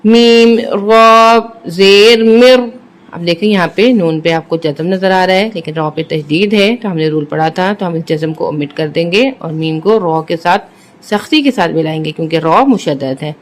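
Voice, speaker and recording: A Quran reading teacher with a Pakistani Urdu accent, sounding out letters and syllables slowly and then explaining each rule quickly. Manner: drawn-out syllables, then brisk low explanations. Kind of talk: slow letter-by-letter recitation drills with quick explanations.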